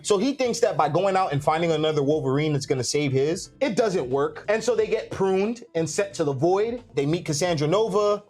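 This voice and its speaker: A young man co-hosting a casual movie review chat, slangy and animated, laughing often. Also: a little high, brisk, hardly any pauses, soft background music. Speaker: podcast co-host.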